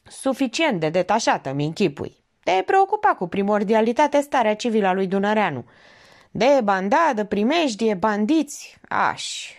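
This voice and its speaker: A woman's voice: mid-range voice, sing-song. A woman voicing an agitated, prim male schoolteacher who answers indignantly, in an audiobook.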